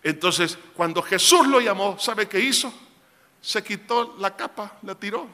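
A man preaching in a high, piercingly bright voice, pressing his point to the congregation with bursts of shouting. His sermon rings with a long reverb through a church hall. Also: lively intonation, a little slow. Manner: emphatic, addresses congregation as brothers, shouts quoted cries. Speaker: pastor.

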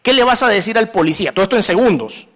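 A man's voice: high voice, racing. A man with a Salvadoran accent preaching a sermon, telling a story with humor and acting out the scenes. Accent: Salvadoran Spanish. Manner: animated, acts out scenes, mixes humor into preaching.

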